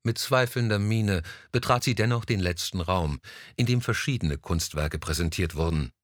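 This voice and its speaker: A man narrating a novel in an expressive, measured storytelling manner. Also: low voice, dry recording, studio quality. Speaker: audiobook narrator.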